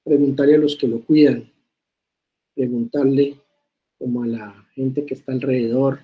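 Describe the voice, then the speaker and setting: A man's voice: mid-range voice, steady tone, moderate pace, warm tone, low-quality recording. A man giving a medical lecture, talking to students in a conversational way and often checking in with tag questions. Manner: reads criteria aloud then explains them. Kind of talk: classroom lecture.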